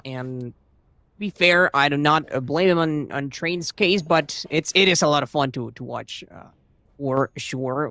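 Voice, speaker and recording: A man's voice: medium pitch, a bit bright, no room sound. A man providing live esports commentary as a match caster.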